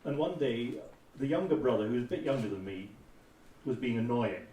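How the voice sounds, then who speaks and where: A man's voice: mid-range voice, lively intonation, fairly quick, dark tone, slight background noise. A Scottish man with an Edinburgh accent, in his sixties, telling anecdotes with wry humour as a panelist at a roundtable. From Scotland. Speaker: panelist historian. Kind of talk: roundtable discussion. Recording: roomy hall from far off.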